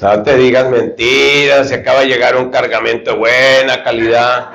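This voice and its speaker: A man's voice: mid-range voice, flat delivery, moderate pace, creaky, a bit bright. Man putting on a sly mocking tempter. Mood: wheedling. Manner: teasing, wheedling. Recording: roomy, slightly dull recording.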